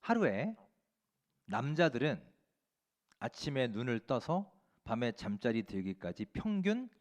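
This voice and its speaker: A man's voice: mid-range voice, big pitch swings, a little slow. A man pastor delivering an earnest Sunday sermon in a church, full of rhetorical questions and exhortation. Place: church sanctuary.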